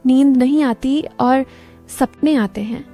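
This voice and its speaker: Woman reading a shy young male patient, hesitant and bashful, mellow tone. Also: on the high side, unhurried, soft background music.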